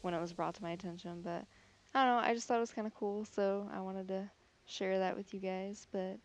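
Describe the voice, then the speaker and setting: A woman's voice: mid-range voice, fairly even intonation, a little fast. A woman with a Michigan accent chatting casually to camera as a vlogger, with lots of "like" fillers. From Michigan, USA. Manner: chatty, filler-heavy with frequent "like".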